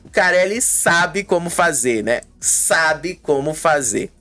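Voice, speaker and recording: A woman with a Brazilian Portuguese accent giving a gossipy, fast-moving casual recap of a reality show. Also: low-pitched, expressive, fairly bright tone, faint music behind.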